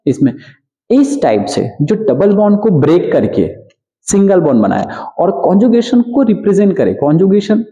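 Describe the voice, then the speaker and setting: A man teaching a chemistry lecture. He asks questions and answers them himself, repeats key terms, and drags key words out slowly. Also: high-pitched, big pitch swings, dark tone, low-quality recording. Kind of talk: exam-prep lecture.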